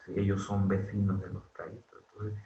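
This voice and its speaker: Male lecturer from northwestern Mexico, lowish voice, halting with fillers, lo-fi echoey room sound. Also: flat delivery, gravelly. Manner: hesitant, many fillers and restarts, checks in with students. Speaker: university lecturer. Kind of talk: online class lecture.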